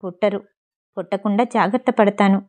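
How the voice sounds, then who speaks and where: A woman reading aloud, voicing a distraught young husband in a Telugu audio story with a low, subdued delivery. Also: steady tone, brisk, a little mellow, natural voice. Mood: blunt.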